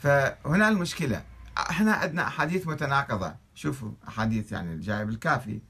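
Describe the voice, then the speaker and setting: A man's voice: mid-range voice, animated, very fast, vocal fry, a bit bright, breathy edge. A man with an Iraqi Arabic accent reads religious texts aloud and critiques them, arguing his case with a string of rhetorical questions. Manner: argumentative, fires off rhetorical questions. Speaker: religious commentator.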